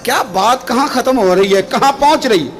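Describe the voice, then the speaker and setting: A male preacher giving an impassioned sermon, acting out voices in the story and chanting Quranic verses slowly. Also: very high-pitched, animated. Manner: dramatic storytelling, acting out quoted voices, rising to impassioned calls. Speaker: Islamic preacher.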